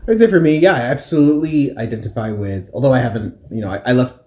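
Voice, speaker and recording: A man from Africa co-hosting a casual podcast chat, animated, laughing often and restarting his sentences. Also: medium pitch, fast talker. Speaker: podcast co-host. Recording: roomy echo.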